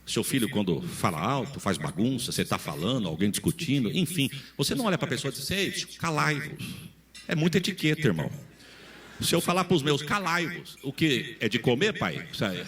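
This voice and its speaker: A man's voice: medium pitch, big pitch swings, a little fast, a bit bright. A middle-aged man, a pastor from Brazil, preaching a folksy sermon full of acted-out dialogue and humor.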